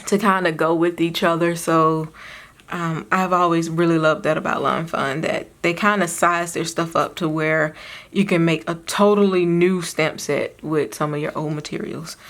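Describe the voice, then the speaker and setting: A woman's voice: low voice, fairly even intonation, normal speed, a bit bright. A woman with a Southern US accent, a craft vlogger chatting casually to her viewers, rambling and giggling with lots of fillers. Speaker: craft YouTuber.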